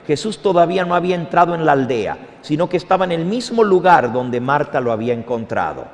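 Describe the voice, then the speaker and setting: A male pastor preaching with fervor, firing rhetorical questions at his congregation between scripture readings. His voice sits fairly high for a man. A long reverb trails every phrase, as in a big hall. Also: big pitch swings, fast. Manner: impassioned, asks listeners repeated rhetorical questions.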